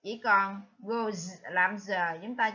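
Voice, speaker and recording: A woman with a Vietnamese accent teaches an exam review, reading each answer word out slowly and carefully. Her voice is bright and somewhat high. The recording sounds muffled and lo-fi. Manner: slow, deliberate, reads each answer word aloud. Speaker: English teacher.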